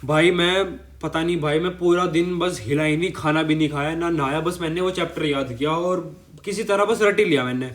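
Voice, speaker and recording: A man's voice: a little high, a little fast. A young man telling a rambling, exasperated comic story about tuition classes, full of self-pity. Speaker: student storyteller.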